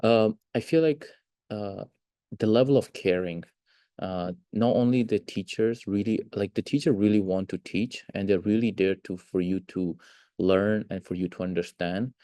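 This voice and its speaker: A man's voice: lowish voice, normal speed, dark tone, dry recording. A young man from Italy, a former student, answering interview questions hesitantly with many fillers. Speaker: alumnus interviewee.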